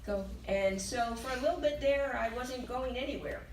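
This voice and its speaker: Speaking at normal speed in a high voice, an older woman shares her own story with a sales training audience, candid and emotional, often laughing as memories come back. A far-off mic captures the echoey meeting room, with a little hiss or hum.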